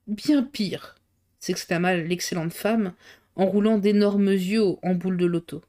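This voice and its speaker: A woman reading a classic novel aloud in a measured, expressive way. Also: lowish voice. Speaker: reader. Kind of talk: audiobook reading.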